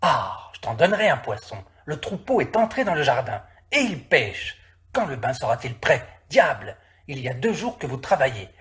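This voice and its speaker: A man's voice: fairly high pitch, very animated, normal speed, hardly any pauses, fairly bright tone. A man voicing a stern, impatient country landowner in a storybook reading, giving severe orders. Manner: severe, commanding.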